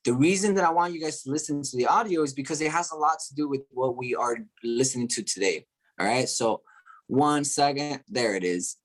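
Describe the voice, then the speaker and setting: On an online group call, a Chilean man gives an enthusiastic motivational talk to a live audience, his voice medium in pitch and the recording rough. He repeats himself a lot, sprinkling in "okay?" and "right?" again and again.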